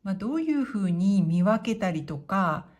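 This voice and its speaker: A woman teaching hiragana, calmly reading the kana one by one and explaining how to write them. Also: mid-range voice, moderate pace. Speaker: Japanese teacher.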